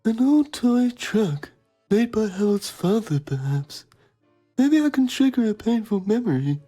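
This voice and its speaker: A woman plays a pretentious, self-admiring male journalist, narrating a mock documentary in a pompous, theatrical, heavily acted style with mock poignancy. Her voice is a little high, sing-song and unhurried, yet dark and husky, over soft background music.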